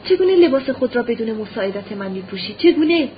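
A noble lady aching with love for her child, her voice high and breaking into tears as she pleads, as a woman reader voices her on a dull, slightly hissy audiobook recording. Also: very animated. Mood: tender. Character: desperate loving mother, noble lady. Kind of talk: audiobook reading.

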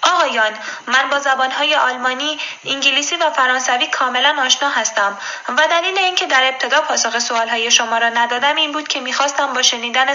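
A woman voicing a proud, stern male submarine commander who speaks firmly and with measured words, in a storybook reading. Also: high-pitched, pushed and bright, lo-fi sound.

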